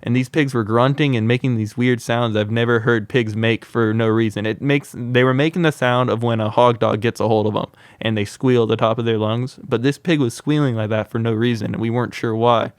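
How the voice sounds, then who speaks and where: A man's voice: medium pitch, fairly quick, few pauses, smooth, dry recording, clean studio sound. A young man, a wildlife content creator, telling wild stories as a podcast guest, with lots of "like" fillers. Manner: lively anecdote telling with frequent "like" fillers. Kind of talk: casual interview storytelling.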